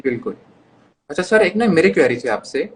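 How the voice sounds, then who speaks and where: A man's voice: a little high, very animated, brisk, a little hiss or hum. A man with an Indian accent hosting a live stream interview, polite and eager. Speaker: interview host. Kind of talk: casual interview. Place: live stream video call. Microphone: video call.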